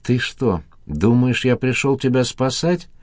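A man's voice: medium pitch, expressive, a little slow, dry recording, clean studio sound, pitched above the performer's own voice, close to an everyday voice. A man reading an audiobook, voicing a crazed male historian who hisses his threats. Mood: contemptuous. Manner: hissing, menacing.

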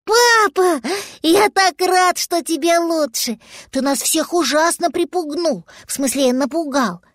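Guslya, a woman voicing an excited little dragon boy. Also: extremely high pitch, a little slow, no echo, studio quality, pitched above the performer's own voice. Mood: overjoyed. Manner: excited, chattering.

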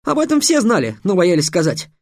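Мужчина, читающий аудиокнигу, озвучивает юного ученика, робкого поначалу, а затем страстного и обличающего. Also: male voice, high-pitched, huge pitch swings, brisk, no room sound, clean studio sound, voice pushed up, heavily acted. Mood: impassioned. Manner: timid at first, then impassioned and accusing. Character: young male apprentice, a nervous boy turned fiery orator. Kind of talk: audiobook character voice.

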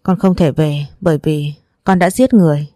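A woman's voice: sits low, fairly even intonation, normal speed, warm tone, no room sound, clean studio sound, faint music behind, lightly acted. A woman voicing a young male soldier, a remorseful son, in a choked, pleading tone. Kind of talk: storybook dialogue reading.

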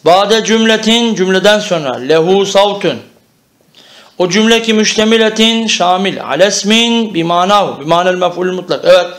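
A man's voice: high-pitched, moderate pace, fairly bright tone. A man teaching an Arabic grammar lesson, explaining step by step and often checking that the class understands.

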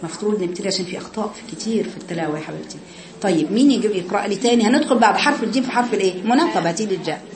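In an echoey room with crowd noise behind her, a mid-range woman's voice moves quickly through a tajweed class. She is Egyptian, speaks with an Egyptian Arabic accent, and patiently fixes her students' recitation by chanting the sounds for them.

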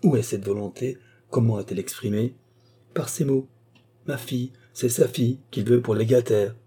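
A heated young cousin argues his case firmly, pitched higher than the narration, as a male reader acts him out. Beneath it stays a dark, husky tone. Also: steady tone, moderate pace. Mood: pleading. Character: young man, the dying marquis's upset cousin.

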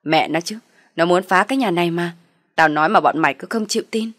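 Casting: spiteful older father-in-law, read by a woman, loud, dry close voice. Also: lowish voice, fast, no echo. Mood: accusing. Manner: loud, accusing.

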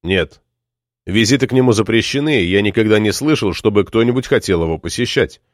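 A man's voice: fairly low pitch, expressive, a little fast, dry recording, clean studio sound, natural voice. A man voicing a stern, curt male doctor who speaks dismissively. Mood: guarded.

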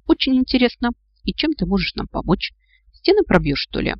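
A man voicing a feisty, sharp-tongued young woman who scolds and mocks her companions, in a storybook reading. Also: very high voice, very animated, a little fast, dry recording, highs cut off, voice pushed up, heavily acted. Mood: sarcastic. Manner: sarcastic, exasperated, scolding.

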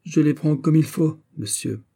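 A man's voice: medium pitch, a little fast, mellow, pitched above the performer's own voice, lightly acted. A man reading a haughty English duke. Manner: haughty, defiant, phlegmatic.

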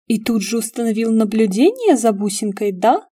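A woman's voice: on the high side, big pitch swings, moderate pace, warm tone, no room sound, clean studio sound. Woman reading as nosy, teasing young man.

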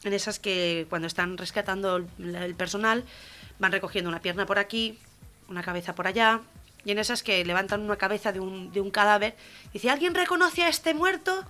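A woman's voice: mid-range voice, fairly even intonation, fairly quick, pushed and bright. A woman with a Spanish accent, co-hosting a radio comedy show and telling jokes in a casual, chatty way with fillers. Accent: Spain.

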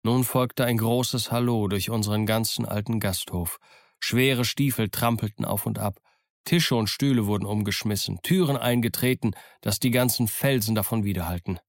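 Low voiced guy reading a story aloud, dry sound, calm steady pace. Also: moderate pace, no room sound. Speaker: audiobook reader. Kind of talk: scripted first-person narration.

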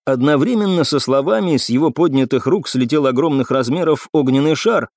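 Expressive male audiobook narrator, dry sound. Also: medium pitch, no echo. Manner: expressive, measured reading. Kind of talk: scripted narration.

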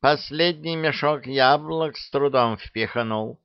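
A man's voice: medium pitch, takes it slowly, smooth, no room sound, pitched above the performer's own voice. A man voicing a greedy, boastful male talking cat with an indignant, wheedling manner, on a dry, dull recording.

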